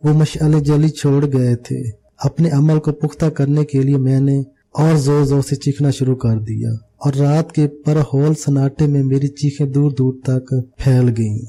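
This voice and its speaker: A man's voice: mid-range voice, fairly even intonation, unhurried, hardly any pauses, dark tone. A man reading a novel aloud as an audiobook narrator, telling the story steadily and voicing every character himself.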